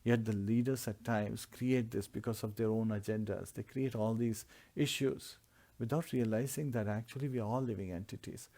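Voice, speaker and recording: A man's voice: mid-range voice, mellow. A man giving a devotional scripture class, explaining Sanskrit verses word by word in earnest preaching tones. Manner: earnest preaching with repeated lists.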